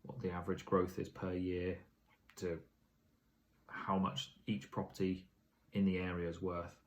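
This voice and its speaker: A man's voice: deep voice, completely flat delivery, a little slow. A tired man giving a casual vlog update on his property investing, rambling with plenty of fillers and self-corrections. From England.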